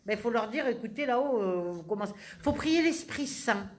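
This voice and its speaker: A woman's voice: on the high side, lively intonation, normal speed. A woman working as a medium, answering audience questions one after another in a familiar, direct and teasing way, using tu with strangers. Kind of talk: live public session, quick answers.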